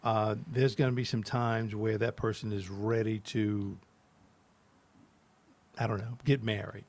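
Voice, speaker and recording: A man's voice: lowish voice, level tone, a little slow, a little mellow. A man hosting a casual interview show, chatting agreeably and constantly affirming his guest. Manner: agreeable, frequent backchannel affirmations. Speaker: talk show host.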